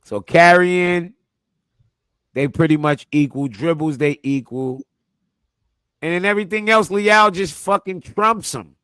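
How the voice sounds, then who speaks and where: A man's voice: on the high side, measured pace, pauses often, sharp tone, clear, resonant tone, dry recording. A man hosting a casual sports debate, talking bluntly with plenty of slang and swearing. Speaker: show host.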